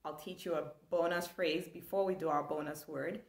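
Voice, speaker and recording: This young Zambian woman has a low voice and talks at a normal speed, with reverb from the small indoor room she teaches in. Leading an online language class, she is animated, enthusiastic and gestures constantly.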